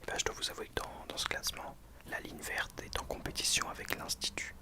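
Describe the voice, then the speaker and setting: A person giving an ASMR book review in a soft, breathy library whisper, hesitant and often self-correcting. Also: a little fast. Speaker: book reviewer addressing viewers.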